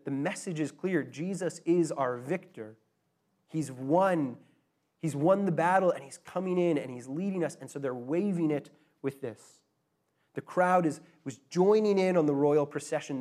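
A man's voice: on the high side, a little mellow. A man preaching a sermon, explaining scripture with frequent restarts and self-corrections.

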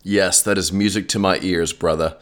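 A man's voice: deep voice, fairly even intonation, normal speed, fairly bright tone. A man hosting a casual podcast with profane, bro-like banter. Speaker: podcast host.

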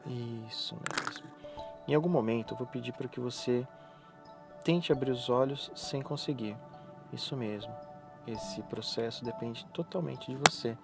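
A man speaks softly at a medium pitch, with noticeable fry in his voice. He guides a hypnotic relaxation in slow, repetitive, soothing phrases, leaving pauses between them. Music plays clearly behind him. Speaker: hypnotherapist guiding a relaxation session. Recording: voice over background music.

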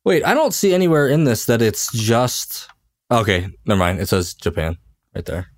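A young man co-hosting a casual podcast, quick to react with lively swings in pitch. His voice sits somewhat low. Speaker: podcast co-host. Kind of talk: casual chat.

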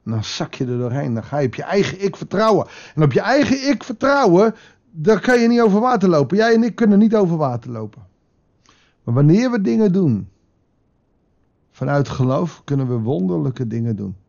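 A man's voice: fairly high pitch, animated, brisk, gravelly, darkish tone, highs cut off. A man preaching a devotional sermon in a conversational way, now and then acting out quotes with a raised voice. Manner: conversational, with dramatic acted quotes. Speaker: pastor.

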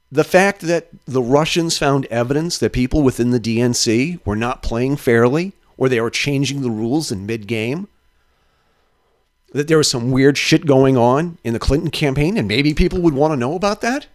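A man's voice: medium pitch, moderate pace. A male podcast host giving casual news commentary in a profane, sarcastic rant.

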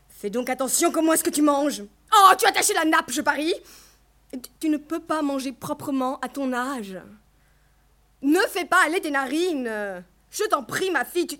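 Lady putting on a shrill angry mom, high voice, snapping and mocking. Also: fairly bright tone. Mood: scolding. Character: harsh scolding mother, middle-aged woman.

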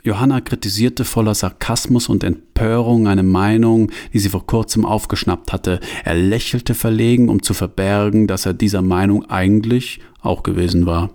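A man's voice: fairly low pitch, steady tone, moderate pace, hardly any pauses, a little mellow. A man narrating a story from a script in a dry, matter-of-fact way.

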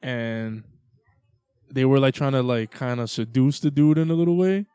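A man's voice: medium pitch, normal speed, warm tone, smooth, no echo, studio quality. A man co-hosting a casual podcast, joking crudely and slipping into silly put-on voices. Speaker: podcast co-host.

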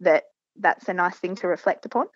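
An Australian woman in her thirties speaks as an interview guest in a fairly low voice, thoughtful and earnest, often restarting her sentences. The sound is dry and slightly dull, like a lo-fi recording. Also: a little fast, dry recording. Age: 30s. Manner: reflective, earnest, many restarts and fillers. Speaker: guest business founder. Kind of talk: casual interview conversation.

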